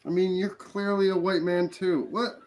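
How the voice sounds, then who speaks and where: A man's voice: high-pitched, flat delivery, moderate pace. A man with an Indian accent hosting a film watch-along, making wry joking asides. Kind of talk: casual chat.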